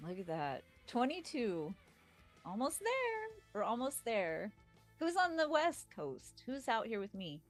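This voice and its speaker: A woman co-hosting a live stream, soft-spoken and giggly, chatting and reading viewer messages aloud. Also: on the high side, very animated, measured pace, faint music behind. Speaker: co-host.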